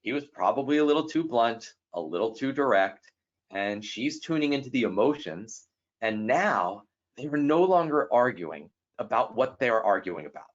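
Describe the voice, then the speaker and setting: Animated man with a lively, bouncy voice. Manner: animated, acts out quoted people with quick jumps in pitch. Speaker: speaker on personality styles. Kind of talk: lively talk with a guest. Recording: dull lo-fi sound.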